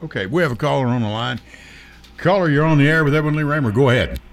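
A man's voice: medium pitch, fast talker, a little hiss or hum. A man hosting a radio talk show on air, taking callers and chatting with his guest in a joking, easygoing way. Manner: lively, chatty, jokes with callers.

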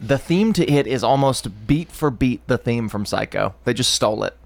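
A man co-hosting a radio show in casual, slightly halting chat. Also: mid-range voice, lively intonation, vocal fry. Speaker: radio co-host.

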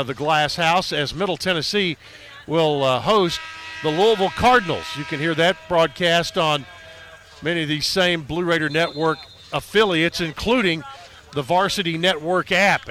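A man announcing live basketball on the radio in a loud, dense radio voice, packing the calls in quickly and sometimes correcting himself. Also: on the high side, slight background noise. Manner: rapid, packed play-by-play with occasional self-corrections.

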